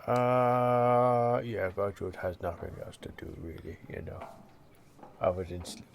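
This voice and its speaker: A man's voice: mid-range voice, measured pace, gravelly, slight background noise. A man playing a tabletop game, trading dry, wry banter. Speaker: player. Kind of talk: casual chat during a tabletop game.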